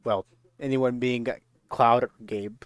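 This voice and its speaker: A man narrating a tabletop game as game master in a halting, informal, slangy way. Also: medium pitch, fairly even intonation, smooth, no room sound.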